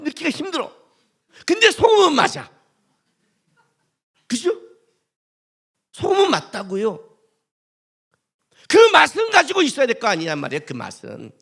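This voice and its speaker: High-voiced lively male pastor preaching. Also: creaky. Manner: animated, joking, colloquial storytelling with acted quotes. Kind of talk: sermon.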